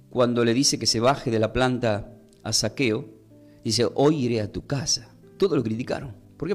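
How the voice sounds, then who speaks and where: A man preaches a sermon at a mid pitch. He talks in a measured way and slows down to stress key words. Faint instrumental music plays softly behind him.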